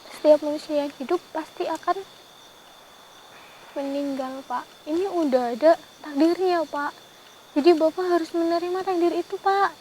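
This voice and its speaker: A woman investigating the paranormal, who pleads gently and keeps addressing the man she is talking to with a polite title. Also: high voice, a little hiss or hum, low-quality recording. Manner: gently pleading, repeats "Pak" often. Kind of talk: vlog. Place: outdoors in a forest at night.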